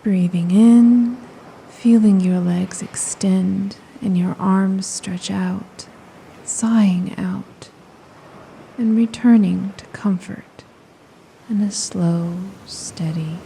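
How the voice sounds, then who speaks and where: Over faint ocean waves, a woman guides a slow meditation, her medium-pitched voice very dark and mellow, soft, breathy and often near a whisper, with a gravelly creak at the edges. Her intonation is fairly even, and long pauses separate her soothing phrases. The audio is poor, with a little hiss or hum.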